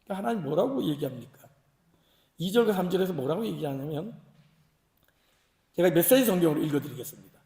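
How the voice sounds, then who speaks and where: A male pastor delivers a sermon, voicing both sides of an argument with rising emphasis. His voice sits high for a man. The sound rings with the long reverb of a church sanctuary. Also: animated, fast talker, long pauses, dark tone. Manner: acts out dialogue between God and the people with rising emphasis. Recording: echoey church hall.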